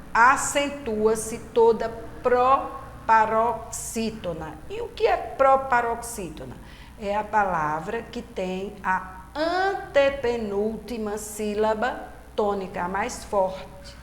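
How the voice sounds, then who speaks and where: A Brazilian woman teacher talks through a lesson in an unhurried, patient way, her voice sitting a little high. She repeats the key words for her pupils. The recording sounds roomy, with a long echo and a faint hiss behind her. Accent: Brazilian Portuguese. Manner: slow, patient explaining, repeats key terms.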